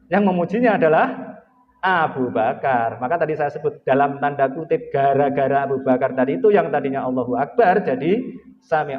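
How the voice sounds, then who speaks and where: A man's voice: fairly high pitch, slight background noise. A man giving a religious lecture to a live audience, chanting Arabic prayer phrases and putting questions to the listeners. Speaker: lecturer at a forum. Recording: echoey hall, dull lo-fi sound.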